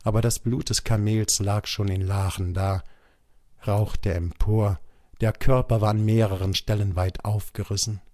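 Audiobook narrator, male, lowish voice, measured, very dry close sound. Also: steady tone, darkish tone, no room sound. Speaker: audiobook reader.

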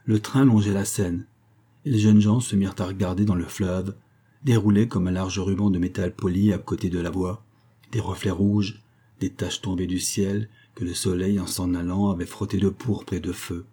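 A man reading a classic novel aloud as an audiobook narrator, in a measured literary style. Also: deep voice, steady tone, mellow, husky.

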